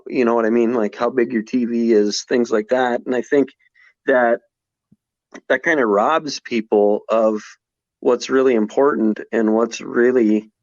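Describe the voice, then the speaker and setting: A man's voice: mid-range voice, fairly even intonation, unhurried, no room sound. Man, forties, podcast guest, reflective, restarts sentences, dry dull sound. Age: 40s. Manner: reflective, many restarts and fillers. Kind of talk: casual conversation. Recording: slightly dull podcast audio.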